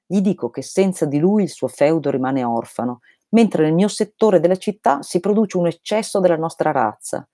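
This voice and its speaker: A woman's voice: fairly low pitch, expressive, moderate pace, hardly any pauses, mellow, no room sound, clean studio sound, pitched above the performer's own voice, close to an everyday voice. A woman reading aloud the lines of an eccentric, vehement male holy fool, in an emphatic read-aloud delivery. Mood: insistent.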